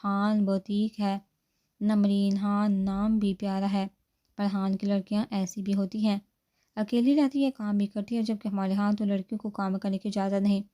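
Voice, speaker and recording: A woman's voice: medium pitch, flat delivery, warm tone, lightly acted. A woman doing a self-assured young male boss. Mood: musing. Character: young man, confident boss musing on a girl.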